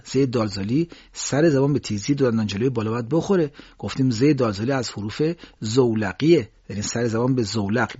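Husky male tajweed teacher, Persian native, slows to demo sounds, dull lo-fi sound. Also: mid-range voice, a little mellow. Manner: demonstrates sounds by slow, drawn-out recitation. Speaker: Quran recitation teacher. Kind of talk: tajweed pronunciation lesson.

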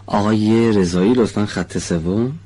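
Low, husky-voiced male recitation teacher. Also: mellow. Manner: slow, deliberate, models sounds carefully; polite, encouraging toward students. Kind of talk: studio instructional lesson. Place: recording studio.

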